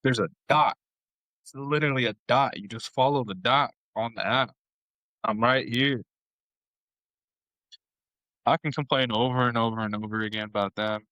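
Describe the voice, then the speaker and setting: A young man co-hosting a casual podcast, telling animated stories and giving playful shout-outs. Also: medium pitch, moderate pace, long pauses, dry recording, poor audio. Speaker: podcast co-host.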